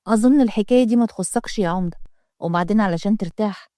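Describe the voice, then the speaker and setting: Lady doing a feisty young egyptian girl, talks fast, darkish voice. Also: medium pitch, mellow, no room sound, clean studio sound, close to an everyday voice. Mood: indignant. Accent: Egyptian Arabic. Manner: indignant and questioning. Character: young working woman, spirited and defiant. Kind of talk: storytelling read-aloud.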